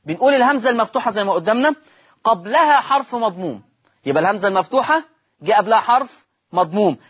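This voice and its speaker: Husky Egyptian sheikh teaching recitation. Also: male voice, sits high, lively intonation. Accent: Egyptian Arabic. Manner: repeats each rule slowly, quizzes listeners. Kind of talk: televised religious lesson.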